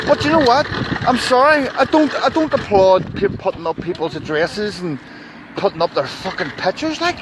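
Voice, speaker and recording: A man's voice: high-pitched, very animated, normal speed. A man in his thirties ranting profanely and heatedly to his followers in a rambling livestream outdoors. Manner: profane, heated and rambling, with repeated asides and restarts. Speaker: page admin addressing followers. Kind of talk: angry livestream rant. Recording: loud outdoor background noise.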